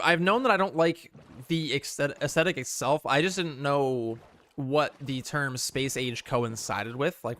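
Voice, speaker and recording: Chatting loosely with viewers as he plays, a male livestream host rambles and corrects himself as he goes. He has a medium-pitched voice with a fairly bright tone.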